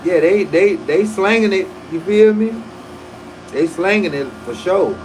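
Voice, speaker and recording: Guy in his 40s on a livestream, kinda high-ish voice, slangy and cussing, keeps restarting his sentences. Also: expressive, a little slow, a little mellow, slight background noise, rough recording. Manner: loose, profane slang with frequent restarts. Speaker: livestream host. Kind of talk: casual livestream commentary.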